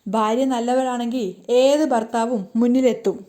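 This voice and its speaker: A proud middle-aged mother-in-law, voiced by a woman telling the story, drawls her lines slowly with pointed remarks. The tone is mellow and soft-edged, and the pitch sits a bit high. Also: little pitch movement, close to an everyday voice.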